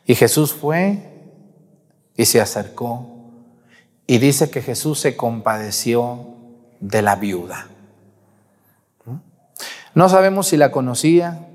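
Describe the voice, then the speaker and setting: A man preaching a sermon, retelling a Gospel story in a lively way and putting questions to his listeners. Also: mid-range voice. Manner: storytelling, animated, asks the audience questions. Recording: long hall reverb.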